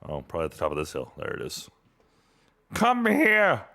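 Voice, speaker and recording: A man's voice: rumbling low, steady tone, racing, vocal fry. A man streaming a game live, talking to himself and to chat, easily annoyed and swearing often. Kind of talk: live gameplay commentary.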